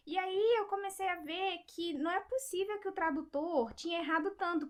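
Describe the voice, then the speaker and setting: A woman's voice: sits high, a bit bright. A young woman with a Brazilian Portuguese accent, chatting casually about a book and often checking in with her listeners. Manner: chatty, many fillers and rhetorical "sabe?". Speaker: book vlogger. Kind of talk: casual book review chat.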